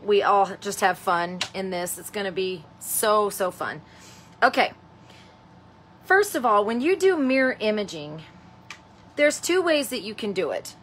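Bright chatty woman hosting a craft stream. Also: mid-range voice. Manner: greets viewers by name, calls them honey and sweetheart; rambling, with many ums and restarts. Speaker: host of a live craft stamping show. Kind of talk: live stamping tutorial, chatty.

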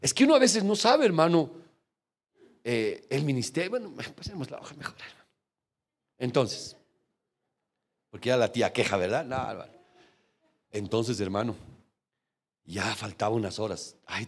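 A man preaching a sermon as pastor in a church, telling a family story with lively back-and-forth voices and calling his listeners brother. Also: medium pitch, moderate pace, long pauses, slightly rough. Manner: animated storytelling, often calling the congregation brother.

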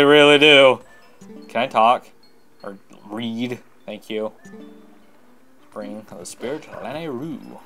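A man's voice: fairly low pitch, pushed and bright. A man giving casual, jokey commentary on a game he is playing for the first time, grumbling and humming along. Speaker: gameplay commentator. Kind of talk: casual let's-play commentary.

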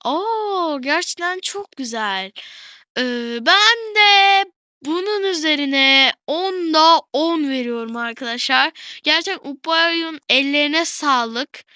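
Speaking slowly in a high, bright voice, a female gaming channel host offers casual commentary on her gameplay. The lo-fi recording is dry with no room sound, and she excitedly addresses viewers, gushing over each little detail.

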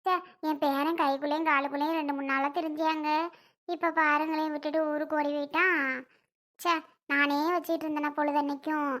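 A woman's voice: sits high, flat delivery, fairly quick, fairly bright tone. A woman playing an agreeable, sympathetic neighbor woman chatting about family troubles in a family skit. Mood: chatty.

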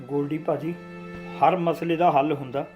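A man acting as a calm, preachy family friend with a Punjabi accent, lecturing in a fairly high voice. Faint music sits under him. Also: moderate pace, highs cut off, close to an everyday voice.

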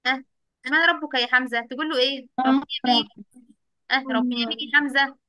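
A young woman with an Egyptian Arabic accent teaches small children online, coaxing them, repeating her questions, and praising every answer. Her voice is high, pushed and bright, with fairly even intonation, and she talks fast. The recording is dry.

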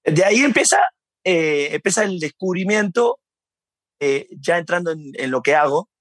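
A man with a Uruguayan Spanish accent telling stories in a casual interview, animated and laughing often. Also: fairly high pitch, normal speed, dry recording. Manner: animated storyteller, laughs often, acts out shouts. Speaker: interview guest.

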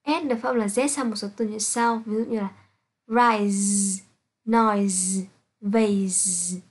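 A woman teaching an English pronunciation lesson, reading out sounds and example words slowly and carefully to her students. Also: on the high side. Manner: slow, careful, spelling out sounds one by one.

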